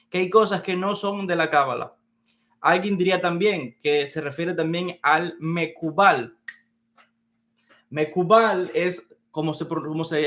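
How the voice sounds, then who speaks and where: A man with a slightly high voice gives a beginner's lesson on Kabbalah. He talks in a measured, step-by-step way, circling back to key words as he points things out on a whiteboard. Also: a bit bright. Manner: unhurried, explains step by step, repeats key words. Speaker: Kabbalah teacher. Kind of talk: explanatory lecture on Kabbalah. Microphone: teaching at a whiteboard.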